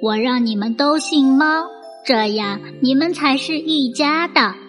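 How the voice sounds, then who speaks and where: A woman's voice: sits high, a little slow. A woman voicing an earnest, kind little boy who loves cats in a children's bedtime story. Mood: pleased. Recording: long reverb with music bed.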